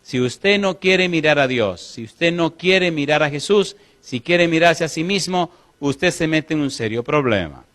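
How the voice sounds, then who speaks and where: A man preaching a sermon as pastor, asking the congregation questions and slowing to read scripture aloud. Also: a little high, lively intonation, fairly bright tone.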